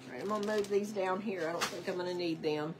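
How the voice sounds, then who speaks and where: A congested woman with a lowish voice hosts a craft livestream, chatting quickly and casually with viewers as she works. She greets people by name and mutters to herself along the way, all over a very noisy background.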